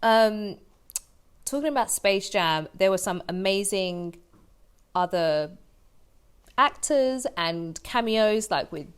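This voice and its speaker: A woman's voice: mid-range voice, lively intonation, slow, pauses often, clear, resonant tone. A woman hosting a podcast, chatting casually and giggling often. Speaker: podcast host.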